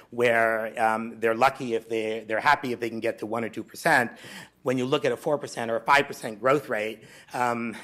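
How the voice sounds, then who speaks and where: A man's voice: medium pitch, a bit bright. A Greek man in his forties giving a conversational conference presentation, with frequent ums and restarts. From Greece. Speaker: conference speaker. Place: lecture hall at a symposium.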